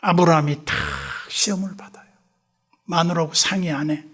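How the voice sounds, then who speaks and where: A man preaching a revival sermon in a church, telling stories animatedly and acting out both sides of dialogues, dropping to hushed asides. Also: a little high, fairly even intonation, moderate pace, husky. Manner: drops to hushed whispers for asides. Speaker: pastor. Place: church sanctuary.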